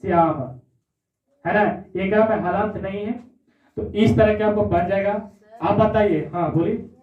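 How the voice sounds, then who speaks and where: A man's voice: sits high, fairly even intonation, normal speed. Male teacher, echoey and tinny. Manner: repetitive, checks in with "है ना?". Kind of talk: classroom lesson. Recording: echoey, far-off, phone-like audio.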